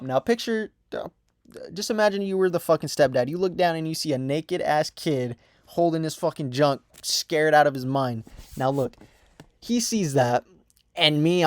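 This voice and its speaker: A man's voice: fairly high pitch, dry recording, studio quality. A young man casually telling a storytime tale on his own channel, swearing freely and leaning on "you know" and "whatever" as fillers. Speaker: storytime vlogger.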